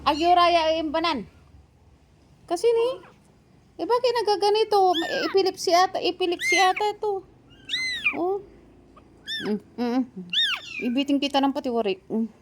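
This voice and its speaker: Very high-pitched woman cooing at kittens. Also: lively intonation, moderate pace, pauses often, background noise. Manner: cooing, teasing, squealing and laughing. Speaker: vlogger and coach. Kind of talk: playful talk to pet kittens.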